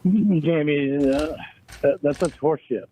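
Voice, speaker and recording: This recorded phone argument comes through a tinny, dry line, with slight background noise. The caller is a man whose voice sits on the high side, mellow and a little slow, as he heatedly repeats his accusations and trips over his words.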